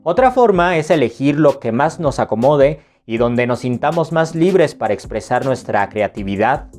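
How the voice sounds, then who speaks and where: A man's voice: mid-range voice, big pitch swings, darkish tone. Mexican guy with a mexican spanish accent explaining verse meter, playful, faint music in the back. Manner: playful, recites verse slowly and taps out rhythms. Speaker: poetry teacher answering subscriber questions. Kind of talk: casual explanatory lesson.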